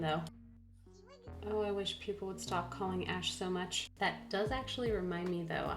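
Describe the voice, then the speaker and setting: A woman's voice: mid-range voice, echoey room. A woman giving casual, chatty let's play commentary as a gaming video creator, often talking directly to the characters. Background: background music.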